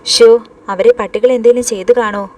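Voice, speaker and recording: A feisty young woman who speaks sharply and quickly takes offense, voiced by a woman storyteller. Her voice is somewhat high, in a storybook horror tale. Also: fairly even intonation, darkish tone, natural voice.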